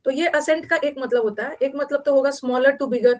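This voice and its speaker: A woman's voice: high-pitched, normal speed, darkish tone. Indian woman teacher, repetitive explaining. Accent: Indian English. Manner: explains in mixed Hindi and English, repeating words and meanings. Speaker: English teacher. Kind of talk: online class lecture.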